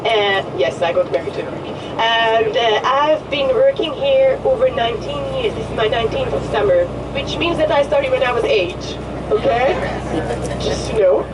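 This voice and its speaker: A woman with a Hungarian accent, a tour guide giving chatty, joking commentary on a coach, her voice a little hoarse. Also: on the high side, normal speed. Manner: friendly, chatty, joking with the group. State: slightly hoarse. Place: tour bus. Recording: distant voice with vehicle noise.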